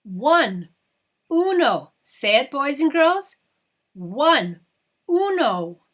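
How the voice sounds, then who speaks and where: Very high-pitched, slow woman kids show host. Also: sing-song. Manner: exaggerated sing-song address to children, repeating phrases for them to echo. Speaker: children's show host and teacher. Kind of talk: kids show host, teaching counting to young children. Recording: children's music behind the voice. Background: children's music.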